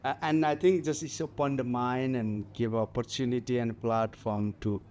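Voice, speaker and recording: A man in his forties from Nepal, speaking with a Nepali accent, talking haltingly with many fillers as a guest on a festival stage interview. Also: mid-range voice, steady tone, a little mellow. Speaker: guest mountaineer.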